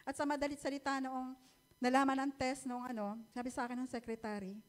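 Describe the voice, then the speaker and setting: A middle-aged woman speaks in a high, light voice as she gives a personal faith testimony at church. Her storytelling is polite and heartfelt, and it turns emotional as she recalls hard times. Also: level tone, a little fast. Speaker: church member giving testimony.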